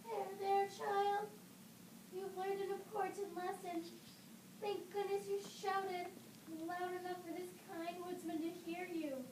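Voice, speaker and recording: Woman putting on a very high, fussing old granny. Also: fairly even intonation, takes it slowly. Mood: comforting. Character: kindly, fussing old grandmother in a fairy tale. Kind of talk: puppet show storytelling. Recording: distant roomy recording with clear noise.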